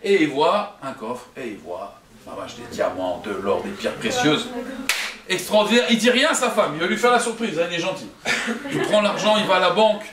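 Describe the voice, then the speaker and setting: A man telling a story to an audience in an animated way, laughing often. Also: sits high. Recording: roomy, from a distance.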